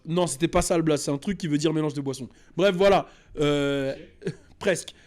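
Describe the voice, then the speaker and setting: A man host telling a personal story in a casual, animated, slangy way, with many restarts and repeats. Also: on the high side, normal speed.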